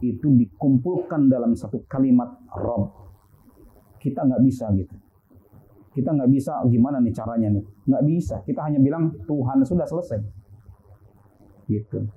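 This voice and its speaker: A man's voice: mid-range voice, moderate pace, pauses often, slight background noise. A man giving a casual, explanatory religious lecture on Quran sciences, full of fillers and rhetorical questions, in an online class. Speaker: Islamic studies teacher. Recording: tinny phone-like line.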